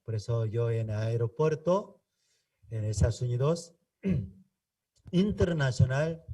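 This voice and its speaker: Slow, deep-toned pastor speaking Spanish. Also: male voice, warm tone, far from the mic. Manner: halting, repetitive non-native Spanish with frequent tag questions. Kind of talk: Bible seminar teaching.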